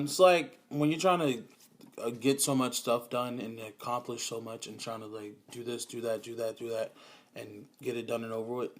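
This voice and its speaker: A man's voice: medium pitch, fairly bright tone, slight background noise. A young man hosting a podcast, talking in loose, profane, casual chat and laughing often. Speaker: podcast host.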